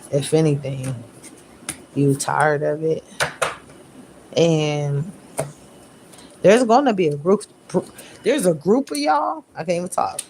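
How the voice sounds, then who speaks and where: Blunt, profane woman tarot reader, casual and animated, slightly low voice, faint noise. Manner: profane, blunt, animated slang-heavy talk; mimics listeners in raised voice.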